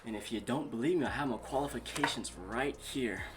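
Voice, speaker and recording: A man's voice: mid-range voice, a little fast, noisy background, natural voice. A man playing a boastful self-proclaimed relationship doctor in a comedy sketch, rambling and repeating himself. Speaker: comedic YouTube host in character.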